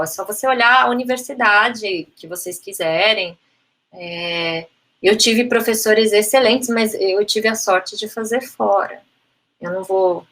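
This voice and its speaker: Her voice is fairly high and fairly bright, with a Brazilian Portuguese accent. A language teacher, she chats through a live online phonetics talk, answering questions from the chat, frequently tagging "né?" and slipping in English terms.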